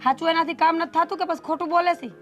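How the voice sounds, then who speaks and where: A woman's voice: extremely high pitch, fairly even intonation, racing, a bit bright, muffled recording, soft background music. A woman playing a reproachful elder sister who scolds her stubborn younger sibling. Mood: scolding. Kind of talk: family drama acting.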